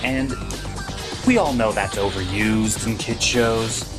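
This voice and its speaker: Over a music bed, a slow-speaking man with a lowish voice hosts a scripted comedy review of cartoons. His delivery is theatrical and opinionated, peppered with crude phrasing.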